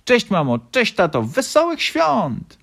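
Give me a high, eager little fox boy, as a man puts him on in a storybook. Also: sing-song, fairly quick. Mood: excited. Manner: eager, exclaiming.

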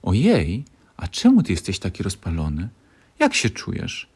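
A man's voice: low-pitched, wildly swooping pitch, moderate pace, a little mellow, slightly rough, exaggerated voice. A man voicing a tender, concerned fox mother in a children's story. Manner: tender, fussing.

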